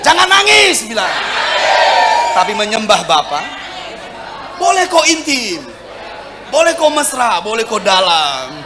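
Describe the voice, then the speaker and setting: Man preaching loud n animated, high voice, band and crowd behind. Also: unhurried, long pauses, very noisy. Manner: swings from shouting to near-whispered tenderness; speaks in tongues, sings at times. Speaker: pastor. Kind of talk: sermon. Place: church hall with congregation. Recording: live church PA with music and crowd.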